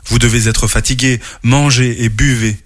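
A man's voice: mid-range voice, fairly even intonation, normal speed, pitched below the performer's own voice, natural voice. A man voicing a tall, welcoming man who has long waited for a child, in a read-aloud storybook. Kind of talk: storybook reading.

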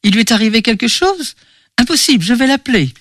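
A woman's voice: on the high side, very animated, fast, no room sound, pitched above the performer's own voice. A woman doing an indignant protective father. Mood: angry. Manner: tense, indignant. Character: protective father, quick-tempered middle-aged man.

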